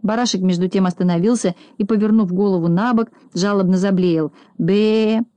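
Brief: woman narrator, storybook reading, mellow low-bright voice, dry close sound. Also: steady tone, fairly quick, no room sound. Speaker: audiobook narrator.

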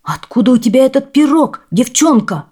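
A woman's voice: fairly low pitch, measured pace, mellow. A woman voicing a frightened, puzzled village baker who questions sternly.

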